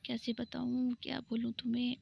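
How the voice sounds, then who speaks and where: Teasing moody young woman for a romance audio story, voiced by the woman narrator; slightly high, gravelly edge, dull lo-fi sound. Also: completely flat delivery, moderate pace, exaggerated voice. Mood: whiny. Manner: playful, whiny. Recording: dull lo-fi recording.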